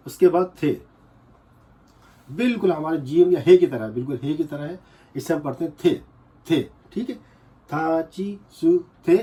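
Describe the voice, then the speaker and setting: A man teaching a casual lesson, slowly explaining and repeating syllables again and again. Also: fairly high pitch, mellow. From Pakistan. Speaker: language teacher.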